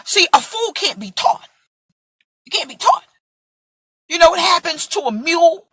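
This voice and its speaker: A woman's voice: extremely high pitch, big pitch swings, moderate pace, sharp tone, dry recording. A woman in her forties from Brooklyn, preaching in an impassioned, emphatic way and acting out voices in a vlog sermon. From Brooklyn, USA. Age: 40s.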